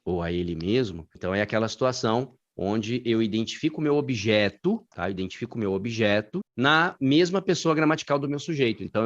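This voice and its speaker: A man with a Brazilian Portuguese accent teaching grammar in a live online class, slangy and lively, calling on students by name. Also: medium pitch, highs cut off.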